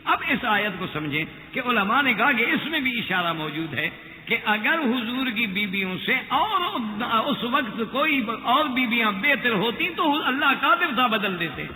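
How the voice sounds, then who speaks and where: A man's voice: extremely high pitch, big pitch swings, pushed and bright, a little hiss or hum. Older male preacher in an echoey hall. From Makkah, Saudi Arabia. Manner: storytelling sermon with chanted Arabic verses. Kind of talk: sermon. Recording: echoey hall with long reverb.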